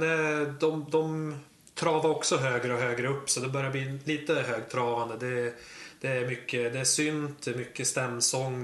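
A man's voice: medium pitch, fairly bright tone. A man co-hosting a casual podcast chat, thinking aloud in short fragments. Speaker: podcast co-host. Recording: roomy echo.

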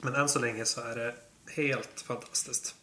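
A man co-hosts a relaxed podcast conversation with a mid-range voice. He builds his thoughts in short, loose fragments, and his voice rings with noticeable room echo. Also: mid-range voice, slight background noise. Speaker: podcast co-host. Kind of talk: casual chat. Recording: roomy echo.

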